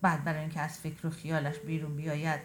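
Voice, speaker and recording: A woman reading a short first-person story aloud in a quiet, reflective, tender way. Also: low-pitched, completely flat delivery.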